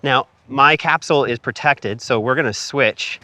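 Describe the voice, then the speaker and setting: A man's voice: medium pitch, normal speed, sharp tone. A man from Canada hosting a filmmaking tutorial, upbeat and jokey, asking his guest questions on a lavalier mic. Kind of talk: casual instructional chat. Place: outdoors in cold wind, then indoors. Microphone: lavalier hidden in shirt.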